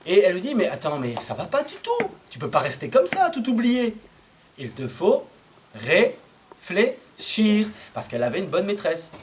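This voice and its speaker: A man telling a Christmas tale to a live audience in a playful, animated way, sometimes singing and getting listeners to join in. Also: on the high side, a little hiss or hum. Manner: lively, playful, sings and gets the audience to join in. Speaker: storyteller. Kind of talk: oral storytelling to a live audience.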